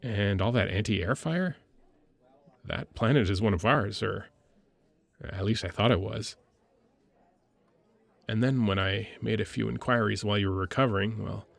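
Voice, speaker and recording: Speaking in a lowish voice, a man plays a military medic lieutenant in an intimate audio roleplay. The character is caring and playfully gruff, and the delivery is informal, hesitant and teasing.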